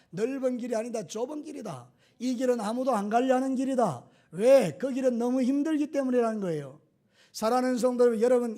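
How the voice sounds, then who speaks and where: Male pastor, very high-pitched, emphatic sermon delivery with rhetorical questions.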